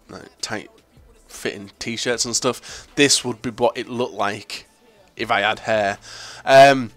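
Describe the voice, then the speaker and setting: A young gaming YouTuber with a Northern English accent gives casual gameplay commentary packed with crude, profane jokes and banter. His mid-range voice has a fairly bright tone, recorded with no echo.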